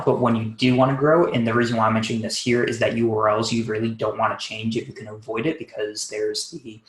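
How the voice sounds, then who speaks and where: A man with a low, fairly monotone voice walks through a website audit live on a video call. He talks quickly and casually, thinking aloud with frequent ums. The sound is roomy, with noticeable echo. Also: creaky. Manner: fast, casual, thinking aloud with many fillers. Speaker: SEO consultant. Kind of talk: live webinar screen-share audit.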